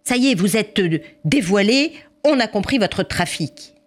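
A woman's voice: mid-range voice, animated, a little slow, pitched above the performer's own voice. Stern accusing policeman, as a woman plays him. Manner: insistent, accusing. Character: stern, suspicious male police officer.

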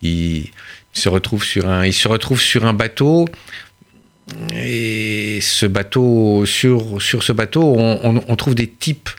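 A man being interviewed as a stage actor, recounting a play's plot in halting bits with repeated words. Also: fairly low pitch. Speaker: actor, guest. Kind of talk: radio interview.

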